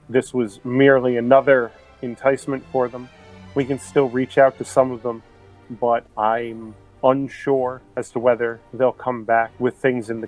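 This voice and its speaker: A man's voice: medium pitch, lightly acted, rough recording. A man doing a formal, frank casino club official. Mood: worried. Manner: formal, addresses listener as sir.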